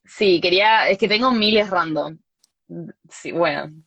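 A woman's voice: fairly low pitch, unhurried, no room sound, lo-fi sound. Chilean woman telling a story. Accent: Chilean Spanish. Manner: animated, laughs often, acts out quoted lines. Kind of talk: casual chat, storytelling.

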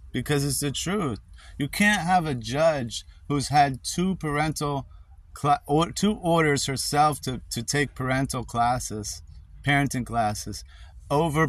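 A man's voice: mid-range voice, a bit bright, no echo. A man pleading with a case worker on a phone call, insistent and repeating her name. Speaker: father in a custody dispute.

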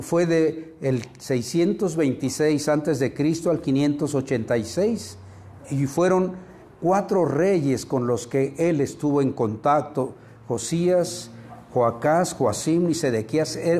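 Slow, mellow-voiced male preacher. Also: on the high side, animated. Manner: asks the congregation questions, grows more fervent. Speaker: pastor. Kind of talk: sermon.

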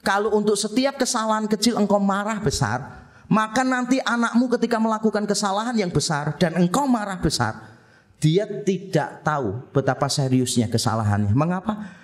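A man's voice: sits high, expressive, moderate pace. A middle-aged male pastor preaching a sermon, asking rhetorical questions, answering them himself, and repeating phrases for emphasis.

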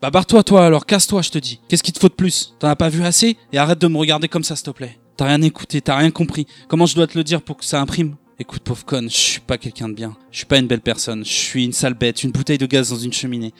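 A man playing a bitter, self-loathing young street thug in a dramatic monologue, ranting in rough slang, with faint music underneath. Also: medium pitch, steady tone, quick pace, hardly any pauses, lightly acted. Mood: angry.

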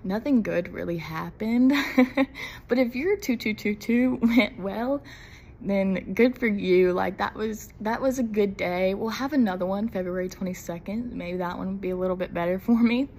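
She's a young adult from Mississippi, hosting her very first podcast episode by herself in a loose, rambling, nervous, giggly manner. The voice is medium-pitched, a bit mellow, at normal speed, with some hiss or hum.

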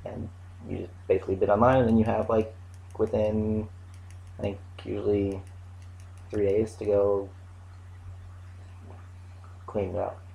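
Male, casual co-host, low gravelly voice, halting and full of ums. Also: little pitch movement, warm tone, rough recording. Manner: rambling, halting, lots of ums. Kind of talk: casual chat.

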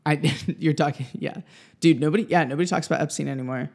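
A man's voice: fairly high pitch, quick pace, gravelly, darkish tone. A man co-hosting a podcast in casual, informal banter. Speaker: podcast co-host. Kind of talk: casual chat.

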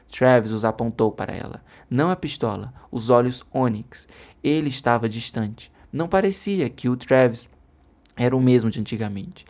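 Storyteller, dramatic narration, measured, steady, slows on vivid moments. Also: medium pitch.

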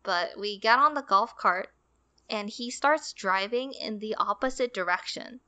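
A woman's voice: mid-range voice, measured pace, bright, forceful tone. A young adult woman co-hosting a podcast, telling a story in casual chat and acting out what people said. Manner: chatty storytelling, acts out quoted lines. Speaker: podcast co-host.

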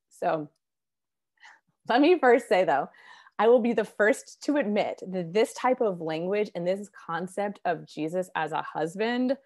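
A woman with a fairly low voice gives a devotional Bible teaching. She talks earnestly and casually, as if to friends. Her voice is a bit hoarse as it recovers, and she clears her throat now and then. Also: darkish tone.

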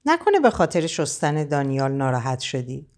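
A woman's voice: very deep voice, huge pitch swings, a little mellow, heavily acted. A woman voicing a kindly, caring elderly grandmother in an audiobook.

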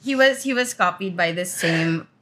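A woman's voice: on the low side, normal speed. Giggly woman telling ghost stories. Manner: giggly, animated storyteller. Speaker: podcast co-host. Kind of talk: casual storytelling chat.

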